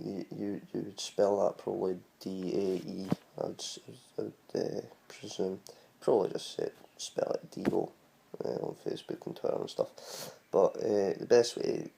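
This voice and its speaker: A Scottish man gives a loose, rambling home tutorial. His voice is low, dark and gravelly with little rise and fall, and he stops often for ums and restarts. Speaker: vlogger teaching words.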